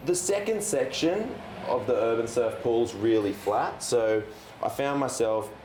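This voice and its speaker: A man's voice: medium pitch, expressive, unhurried, a little mellow. A man with an Australian accent casually explaining his board review as a surf shop worker. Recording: roomy echo, faint background noise.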